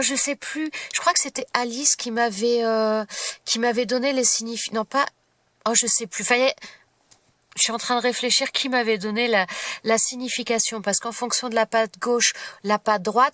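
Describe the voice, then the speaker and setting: A woman's voice: medium pitch, fairly bright tone, far from the mic. A woman vlogger chatting casually while unboxing gifts. She gushes and uses many fillers, and she talks through a stuffy nose. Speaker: craft vlogger.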